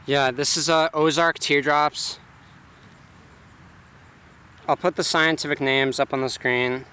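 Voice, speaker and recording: Outdoors in a home garden, a man self-films a casual vlog on a handheld camera, wandering through his thoughts with plenty of fillers. He speaks slowly in a fairly high, pushed, bright voice with fairly even intonation, over a little hiss or hum.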